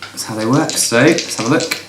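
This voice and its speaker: A man's voice: medium pitch, moderate pace. A man casually talking through his moves in a board game, chatty and often laughing. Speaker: board game reviewer playing a match. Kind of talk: casual tabletop play commentary. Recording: roomy room with faint noise.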